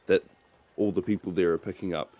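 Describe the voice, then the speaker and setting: A man playing a tabletop game, describing his character's actions, animated and swearing freely. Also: deep voice, fairly quick, no echo. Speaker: player.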